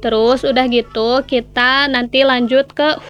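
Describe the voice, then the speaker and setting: A woman's voice: high-pitched, steady tone, unhurried, a bit bright, clean tone. A woman hosting a casual language lesson. She explains in a chatty way and demonstrates sounds aloud. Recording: slightly muffled with faint background music.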